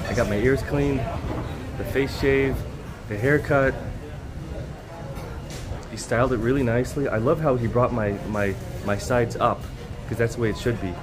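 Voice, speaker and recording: A man's voice: medium pitch, normal speed, long pauses, over music. A middle-aged man chatting casually to camera and to people around him as a travel vlogger. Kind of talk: casual chat to camera and locals. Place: small tiled barbershop, then outdoor food alley. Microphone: handheld camera at arm's length. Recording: clear background noise, street and shop ambience.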